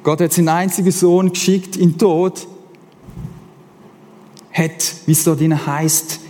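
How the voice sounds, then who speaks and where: A man with a Swiss German accent preaching a casual, animated sermon as pastor. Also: fairly high pitch, a little slow. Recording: long hall reverb.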